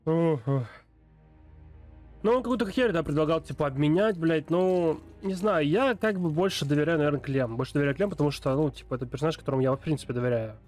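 A male gamer with a somewhat high voice talks through a playthrough in a casual, colloquial way. He reads subtitles aloud and swears freely in between. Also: fast, a little mellow, faint music behind. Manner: foul-mouthed, colloquial. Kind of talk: casual game commentary, reading out subtitles.

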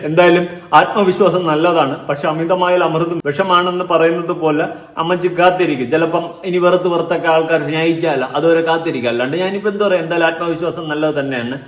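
A man's voice: fairly high pitch, steady tone, fast. A young man hosting a reaction vlog, commenting in a mocking, sarcastic, lecturing manner. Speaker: vlogger and show commentator. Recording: echoey room.

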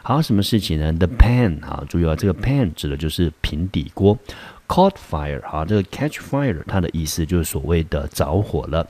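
A man with a deep, low voice, teaching a vocabulary lesson. He explains step by step, sprinkles in filler particles, and reads the English example sentences slowly and carefully. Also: animated, a little mellow. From Taiwan. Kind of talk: recorded classroom vocabulary lesson.

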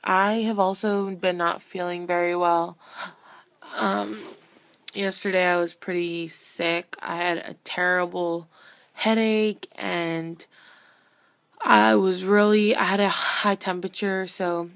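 A woman's voice: lowish voice, fairly even intonation, takes it slowly, gravelly, a bit bright, dry recording. A young woman vlogger chatting casually to the camera close in front of her.

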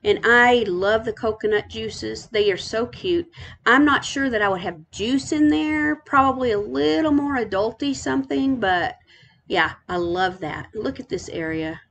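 A woman's voice: fairly high pitch, lively intonation, unhurried, fairly bright tone, slight background noise. Gushing woman touring an island. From Texas. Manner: gushing, effusive, repeats words of praise. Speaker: island tour host. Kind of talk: casual game island tour narration.

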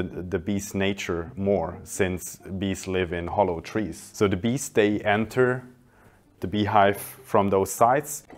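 A man in his twenties, an industrial designer, calmly explaining his project in a documentary interview with a few restarts. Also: low voice. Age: 20s. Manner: calm, explanatory, some restarts. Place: indoor hallway by large windows.

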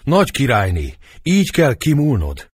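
An old nobleman shouts urgent warnings in alarm, as a man reads him. The voice rises high and loud yet keeps a husky, dry close sound. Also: sing-song, no room sound. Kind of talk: dramatic audiobook reading.

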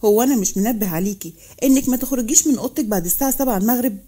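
A woman's voice: a little high, rapid-fire, mellow, breathy edge. A woman with an Egyptian accent voicing a stern, jealous male army officer who talks in curt warnings. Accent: Egyptian Arabic.

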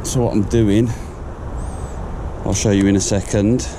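Low-voiced man narrating outdoor fishing. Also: a little slow. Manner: relaxed, explanatory, talking while fishing. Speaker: angler vlogger. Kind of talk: fishing commentary. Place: outdoors on a canal towpath. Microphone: chest-mounted action camera. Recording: outdoor wind and ambient noise.

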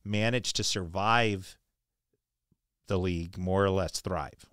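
A man's voice: deep voice, slow, a bit bright, clean tone, no echo, clean studio sound. A man hosting an interview, asking long rambling questions in a conversational way and sharing his own racing memories. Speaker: interview host. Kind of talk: casual interview.

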